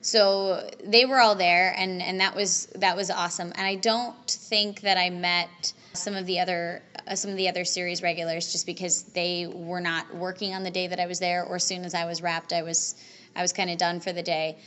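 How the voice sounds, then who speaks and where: Bright-voiced chatty young woman. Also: on the low side, little pitch movement. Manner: chatty, upbeat, quick restarts. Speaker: voice and screen actress, interview guest. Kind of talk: casual interview chat. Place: convention interview room.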